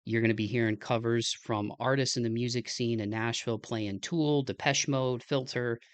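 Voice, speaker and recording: A man's voice: mid-range voice, fairly even intonation, normal speed, clear, resonant tone, dry recording. A young man with a Midwestern American accent wrapping up his podcast episode in a loose, rambling way, with lots of fillers and restarts. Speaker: podcast host. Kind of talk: casual podcast outro.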